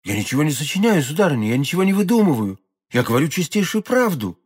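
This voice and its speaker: A man's voice: a little high, very animated, fast talker, slightly rough. A man voicing an ardent, insistent young musketeer in an audiobook. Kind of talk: audiobook character voice.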